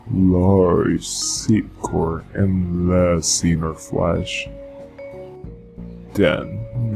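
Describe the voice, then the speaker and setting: A muffled, seductive male purr, as a man puts it on, sinking far below an ordinary speaking voice into a deep, gravelly crackle. It creeps along slowly and stays almost level, never lifting or rising. Plucked guitar music plays clearly underneath. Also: exaggerated voice. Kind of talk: scripted how-to reading in a put-on voice.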